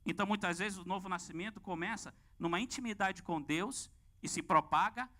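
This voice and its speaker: A Brazilian Portuguese preacher with a bright, high voice, delivering a sermon in a church. He talks in a lively way and keeps turning to the congregation with questions. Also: fairly quick.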